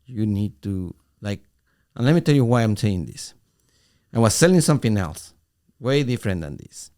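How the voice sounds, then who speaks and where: A middle-aged man co-hosting a podcast, telling an animated story in casual talk with halting restarts. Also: lowish voice. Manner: animated, acts out quoted voices, halting restarts. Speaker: podcast co-host.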